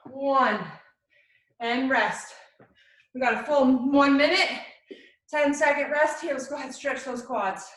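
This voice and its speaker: A woman's voice: high-pitched, fairly bright tone. A woman fitness instructor coaching a live workout in short, encouraging cues and countdowns. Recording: very echoey room, distant mic.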